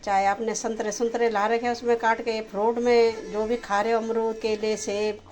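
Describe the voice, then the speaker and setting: A woman's voice: on the high side, level tone, normal speed, a little mellow, slight background noise, low-quality recording. A woman chatting homely to her viewers in a casual home cooking vlog. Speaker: lifestyle vlogger.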